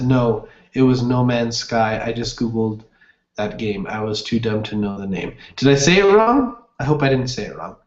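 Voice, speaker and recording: A young man hosting a casual gaming livestream, rambling upbeat with lots of fillers while reading viewer comments. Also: mid-range voice. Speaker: livestream host. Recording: roomy, dull lo-fi webcam audio.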